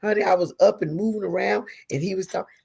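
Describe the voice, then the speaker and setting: With a quick pace and a creaky, husky medium-pitched voice, a middle-aged pastor's wife recounts a personal story as an interview guest. Earnest, animated, and full of feeling, she keeps reaching for "honey" and "girl."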